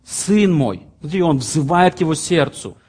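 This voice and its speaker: Pastor, male, late thirties, earnest preaching, slightly higher-pitched voice. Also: animated, a little slow, a little mellow, husky. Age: 30s. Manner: earnest, reads scripture aloud then explains in plain examples. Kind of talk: sermon.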